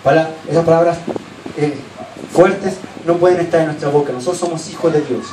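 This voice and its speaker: A man with a Chilean accent preaching a sermon as pastor, earnestly urging his listeners, then dropping to soft, low asides. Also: fairly quick. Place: church hall. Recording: echoey church hall, distant mic, faint hiss.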